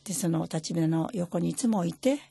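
Older lady talking slow and gentle, lots of pauses, soft breathy voice, dry close sound. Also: fairly low pitch, no echo. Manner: gentle, halting, many pauses and fillers. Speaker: mother sending a message. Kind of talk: recorded personal message.

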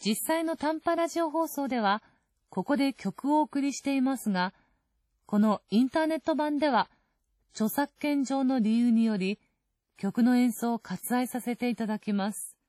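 A woman announcing a radio program in a calm, formal, scripted way. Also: a little high, moderate pace, no echo.

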